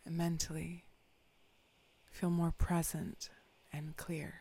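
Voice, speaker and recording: A meditation guide leading a guided meditation, often whispering soft, calm instructions. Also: medium pitch, takes it slowly, vocal fry, breathy edge.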